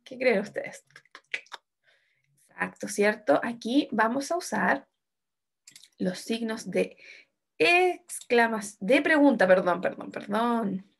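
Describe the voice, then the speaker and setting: A woman teaching an online class to young children. Her fairly high voice swoops up and down as she acts out example sentences with feeling. Her tone has a gravelly, husky edge. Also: animated, slow pace, long pauses. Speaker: primary school teacher.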